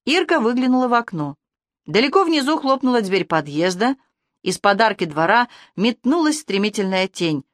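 A woman's voice: a little high, very animated, moderate pace, dry recording. Woman narrating an audiobook, dry close mic. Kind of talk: scripted narration.

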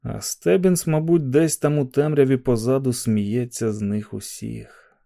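A man reading a dramatic novel aloud as an audiobook narrator, in a gravelly voice. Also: mid-range voice, measured pace, mellow, no room sound, studio quality.

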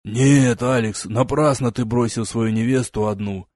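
A man voicing a male demon friend in an audiobook, speaking in a bantering, lively way. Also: medium pitch, unhurried, dry recording, close to an everyday voice. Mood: teasing.

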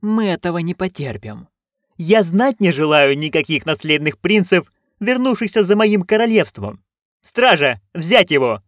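A shrill, domineering noblewoman barks orders in a raised, pinched voice, as a male audiobook reader puts her on. Her lines swoop high and sharp. The sound is close and dry. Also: big pitch swings, moderate pace, dry recording. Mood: cold. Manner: commanding, sharp. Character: haughty shrill noblewoman, imperious and scheming. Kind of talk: audiobook character voice.

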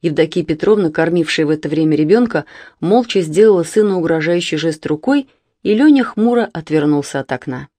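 A woman narrating a children's story as an audiobook reader, in a measured storytelling manner. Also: deep voice, animated, dark tone, dry recording.

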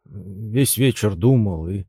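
A man's voice: on the low side, slow, mellow, breathy edge, no room sound, clean studio sound, heavily acted. A man voicing an arrogant poet husband who declaims grandly in a story reading. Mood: grandiose. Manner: self-important, declaiming. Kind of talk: audiobook dialogue reading.

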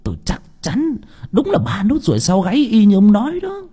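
A man's voice: high voice, huge pitch swings, brisk, dark tone, breathy edge, voice pushed up, heavily acted. A man voicing a cruel old woman who once ran gangs, screeching and scolding. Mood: excited. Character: cruel old female ex-gangster, shrill and bossy.

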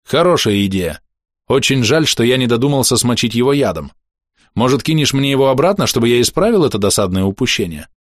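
A man voicing a cocky young swordsman who speaks with dry irony and gallant flattery in an audiobook. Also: medium pitch, fairly quick, dry recording, natural voice. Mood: sarcastic. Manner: ironic, gallant. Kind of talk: audiobook character voice.

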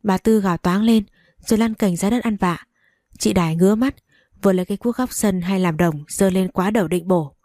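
A woman narrating a dramatic story in a steady storytelling voice. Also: mid-range voice, fairly quick, no room sound, clean studio sound.

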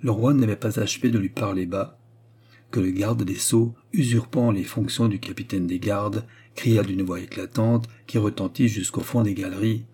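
A male narrator reads a classic novel with measured, expressive pacing. His low voice is mellow and dark, with a husky edge. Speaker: audiobook narrator. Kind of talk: literary audiobook narration.

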